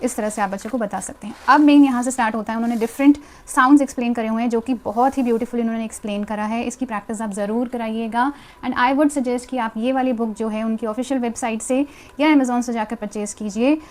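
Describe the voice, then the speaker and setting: Woman teaching phonics, slow word lists. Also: a little high, steady tone. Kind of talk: phonics lesson for parents.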